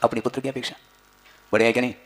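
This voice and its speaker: A man's voice: mid-range voice, flat delivery, racing. Sage-like male spiritual teacher giving a discourse. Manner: didactic, sage-like, with rhetorical questions and repeated phrases. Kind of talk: spoken spiritual discourse in dialogue with listeners.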